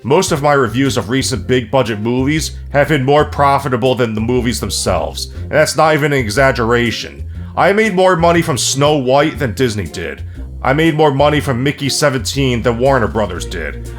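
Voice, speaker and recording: Snarky profane male movie reviewer. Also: mid-range voice. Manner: snarky, profane, deadpan jokes. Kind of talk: sarcastic comedic movie review narration.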